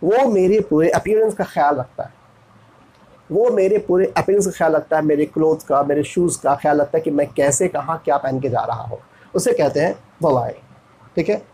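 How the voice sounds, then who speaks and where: Husky man teaching pronunciation. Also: on the high side, mellow, poor audio. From India. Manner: repeats words slowly, spells letters out. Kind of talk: classroom pronunciation lesson.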